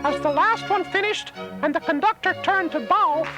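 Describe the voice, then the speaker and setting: A man voicing a small cheerful male cartoon mouse in a squeaky falsetto, narrating and acting in a storybook read-along. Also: normal speed. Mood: earnest. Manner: earnest, friendly, clear storytelling. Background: music.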